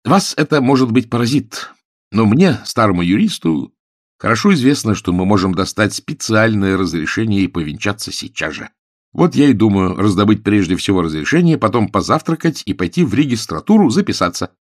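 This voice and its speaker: A man's voice: on the low side, very animated, fairly quick, no echo, studio quality. A man voicing an impulsive young man in love who talks eagerly and keeps pressing his point. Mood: cheerful. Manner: eager, insistent, repeats himself.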